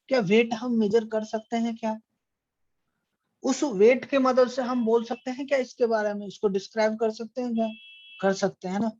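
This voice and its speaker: A man with a high, slightly mellow voice teaches an online physics class, posing questions to students and answering them himself. The audio is dry, dull, and lo-fi.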